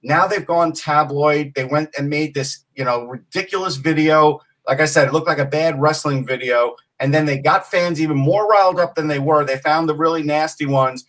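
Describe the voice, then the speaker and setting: A man's voice: on the high side, normal speed, hardly any pauses, fairly bright tone, distant mic, rough recording. A man from Long Island co-hosting a casual sports podcast, opinionated and telling stories. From Long Island, New York. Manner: opinionated, storytelling. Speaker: podcast co-host.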